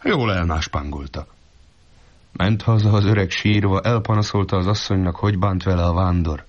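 Low voiced guy reading a folk tale, steady and measured, muffled lo-fi sound. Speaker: storyteller. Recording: dull lo-fi recording.

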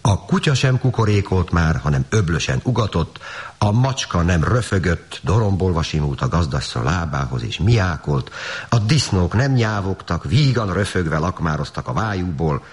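A man reading a fairy tale aloud in an animated, expressive way. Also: deep voice, slightly rough. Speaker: storyteller.

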